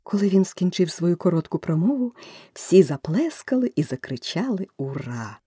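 Expressive woman reading a storybook. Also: lowish voice, moderate pace, breathy edge, no echo, clean studio sound. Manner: expressive, varied storytelling delivery. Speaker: narrator.

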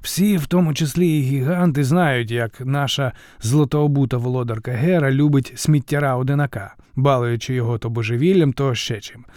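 A man's voice: mid-range voice, brisk, hardly any pauses, a little mellow, no echo, studio quality, close to an everyday voice. A man voicing a mocking male jester god laying out a scheme in flowery, sneering speech. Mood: mocking, scheming.

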